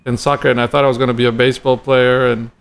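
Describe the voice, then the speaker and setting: A man from Costa Rica, a guest drummer and educator, talking in a thoughtful, halting way with many restarts in a casual podcast conversation. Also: mid-range voice, flat delivery, clear, resonant tone.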